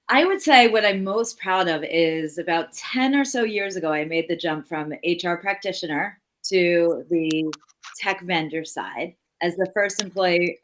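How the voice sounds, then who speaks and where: A woman speaking as a panelist in an online discussion, reflective and measured, often restarting her sentences. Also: fairly low pitch. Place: video call.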